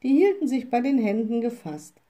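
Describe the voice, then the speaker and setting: A woman reading a children's story aloud in a slow, expressive storybook manner. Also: a little high, dull audio.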